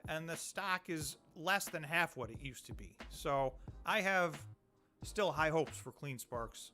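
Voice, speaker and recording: A man from upstate New York co-hosting a casual livestream chat about stocks, explaining in a measured way while thinking aloud. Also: on the high side, expressive, pushed and bright, soft background music. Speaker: co-host.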